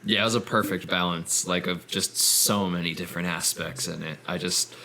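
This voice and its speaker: A man's voice: sits low, fairly even intonation, moderate pace, gravelly, pushed and bright, a little hiss or hum, poor audio. A man joining as a guest on a casual movie podcast, eager and upbeat, using casual slang. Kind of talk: casual movie review chat.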